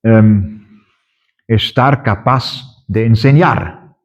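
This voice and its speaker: A man with a voice on the low side preaches a sermon in Spanish, not his first language, at a church conference. He speaks slowly and haltingly, with many fillers and restarts. The recording sounds dull and lo-fi.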